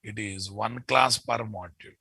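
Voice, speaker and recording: A man's voice: on the low side, steady tone, moderate pace, vocal fry, sharp tone, slightly rough, no echo. A man with a Telugu Indian accent, teaching a live programming class emphatically, repeating key phrases and checking that students follow. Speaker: programming instructor. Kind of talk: live online class lecture.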